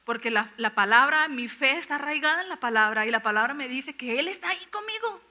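Woman preacher, high bright voice, emotional, repeats for emphasis. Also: animated, quick pace. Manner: earnest, emotional, laughs often, repeats phrases. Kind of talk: personal testimony in a sermon.

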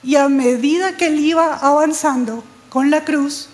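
A woman preaching a sermon, telling a personal testimony in an animated way. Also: sits high, a little slow, in a large hall, poor audio. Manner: animated storytelling, quoting others, laughing at herself.

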